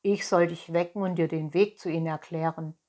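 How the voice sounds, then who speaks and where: A woman's voice: deep voice, steady tone, brisk, a little mellow. A woman voicing a brusque adult male innkeeper in a storybook reading, firm and businesslike.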